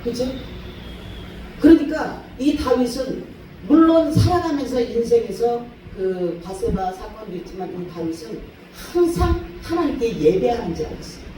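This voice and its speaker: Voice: mid-range voice, unhurried, slight background noise. A guest pastor preaching at a revival meeting, telling stories with laughter and acting out the people in them. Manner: lively storytelling, acts out quotes, laughs often. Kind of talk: revival sermon. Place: church sanctuary. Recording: echoey church hall, voice far from mic.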